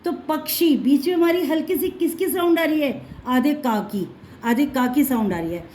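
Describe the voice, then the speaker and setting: A woman's voice: high-pitched, moderate pace, darkish tone, a little hiss or hum. A woman teaching Hindi letters to children, patiently repeating each sound and mixing in words.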